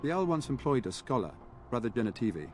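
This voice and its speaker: An actor playing an earnest, weary knight in a video game, speaking in formal, courtly phrases. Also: male voice, mid-range voice, very animated, quick pace, slight background noise, lightly acted. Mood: solemn. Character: earnest knight sworn to a noble lord, weary and dutiful. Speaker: game character.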